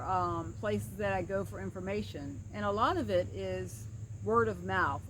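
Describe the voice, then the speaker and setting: This earnest, casual personal vlog comes from a middle-aged pastoral counselor sitting by a creek, a camera a short distance away. Her medium-pitched speech is slightly slurred, as though one side of her mouth were numb. Insects and woodland ambience come through clearly on the low-quality recording.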